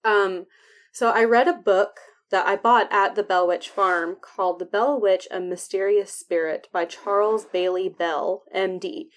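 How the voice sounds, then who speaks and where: A woman's voice: mid-range voice, fairly even intonation, measured pace. A woman co-hosting a podcast in casual, informal chat, with a noticeable whistle on her S sounds. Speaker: podcast co-host.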